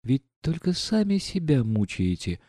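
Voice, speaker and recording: Man reading as a soft-spoken naive young prince, earnest and kind, warm dry voice. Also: mid-range voice, sing-song, measured pace, dry recording, voice pushed up. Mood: gentle earnest. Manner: gentle, earnestly pleading.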